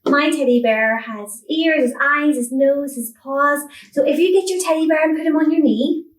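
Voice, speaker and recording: A woman's voice: sits high, normal speed. A woman presenting as a children's show host, talking to young children in an encouraging, exclaiming, sing-song way. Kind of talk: kids show host presenting songs and rhymes. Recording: roomy echo, distant mic, faint music.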